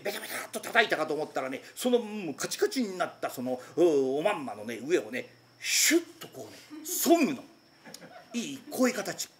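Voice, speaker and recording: A rakugo storyteller voicing an idle, cheeky young master who lodges with a tradesman, telling stories in a lively, playful way. The show is staged in a former public bathhouse. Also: medium pitch. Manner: lively, quick, playful comic delivery. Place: former public bathhouse used as an event venue.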